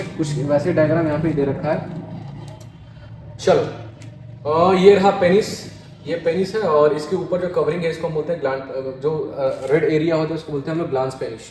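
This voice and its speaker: Here a young man with a warm, highish voice preps students for a biology exam, answering the questions he raises himself. Key terms come up again and again, as does "dekho bhai," and the room is echoey with faint hiss.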